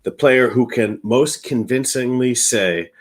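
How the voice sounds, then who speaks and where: A man's voice: medium pitch, a little slow, rough recording. A man co-hosting a casual board game podcast, easygoing and joking. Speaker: podcast co-host. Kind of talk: casual chat.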